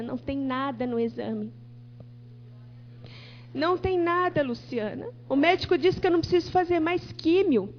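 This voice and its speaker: A woman preacher giving a sermon in church, telling her story and acting out the conversations in it. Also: high-pitched. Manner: animated storytelling, acting out dialogue. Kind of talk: testimony sermon. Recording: dull church TV recording with faint hum.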